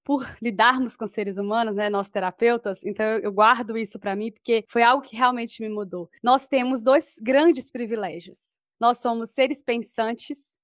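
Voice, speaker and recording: A woman with a fairly high voice hosts a podcast and speaks in an affirming, heartfelt way. The sound is dry and close, with no room echo. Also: moderate pace, few pauses. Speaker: podcast host. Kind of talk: podcast talk.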